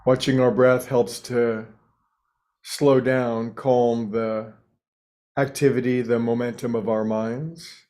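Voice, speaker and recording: Short, spaced-out phrases define this man's guided meditation, delivered calmly and without hurry. As the teacher, he keeps a very even tone, and his mid-range pitch hardly varies.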